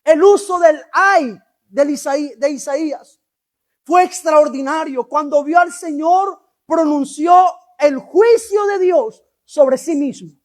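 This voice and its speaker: Slow, high-voiced male preacher. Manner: animated preaching that asks the congregation questions. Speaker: pastor. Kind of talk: sermon.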